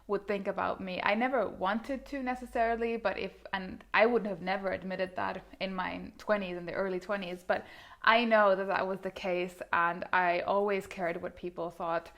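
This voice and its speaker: Woman, 30, vlogger; earnest, thoughtful monologue to camera, mid-pitched, lots of hedging fillers. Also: fairly even intonation, moderate pace, fairly bright tone. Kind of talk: reflective casual monologue to camera.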